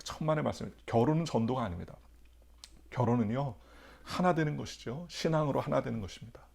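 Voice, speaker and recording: A man's voice: medium pitch, quick pace, creaky, darkish tone, husky. A male pastor preaching a dawn sermon, telling stories and asking the congregation rhetorical questions with emphasis. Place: church.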